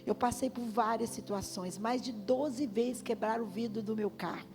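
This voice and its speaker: A woman giving an emotional testimony sermon, swinging from loud cries to hushed tones. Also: on the high side, moderate pace. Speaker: guest preacher. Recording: music playing behind the voice.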